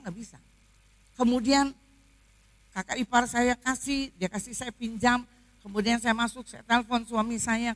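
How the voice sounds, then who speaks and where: A middle-aged woman pastor telling a personal testimony in a church sermon, swinging between loud passages and hushed ones. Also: fairly high pitch, no room sound.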